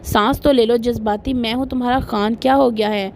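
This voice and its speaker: A woman reading the lines of a devoted young husband who coaxes and apologizes earnestly, in her own fairly high voice. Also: steady tone, a little mellow, slight background noise, lightly acted. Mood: coaxing, earnest. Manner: coaxing, earnest.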